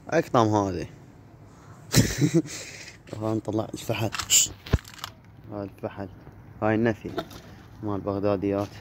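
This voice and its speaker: A pigeon keeper who hosts his own channel chats casually in a warm, lowish voice with an Iraqi Arabic accent. He films a handheld vlog on his phone on an open rooftop yard ringed by low brick walls. The outdoor phone audio carries faint background noise.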